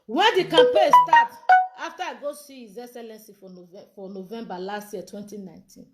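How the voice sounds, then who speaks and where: High-voiced Nigerian woman, heated and insistent. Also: fairly quick, loud music behind the voice. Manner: heated and insistent, repeating demands to be heard. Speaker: political campaign organizer. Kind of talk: live social media monologue.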